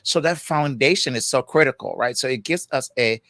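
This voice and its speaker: Speaking as a guest in a relaxed chat, this Jamaican man in his sixties muses thoughtfully, peppering his words with "you know" and "right." His ordinary middle-pitched voice is brisk with a sharp tone, recorded close and dry with barely any room sound and no echo.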